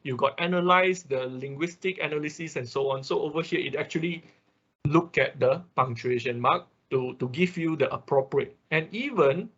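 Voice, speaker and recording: A higher-voiced man teaching an online robotics programming class demonstrates on screen in a live tutorial, explaining step by step and often checking with "okay" and "right." English isn't his first language; he speaks at normal speed with a fairly bright, breathy tone, and the audio is dull.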